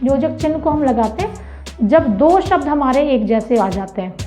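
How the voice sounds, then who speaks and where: A woman with a high voice gives a grammar lesson for children. She explains slowly and patiently, repeats key words and asks the class questions. Soft music plays faintly under her voice. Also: animated. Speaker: teacher.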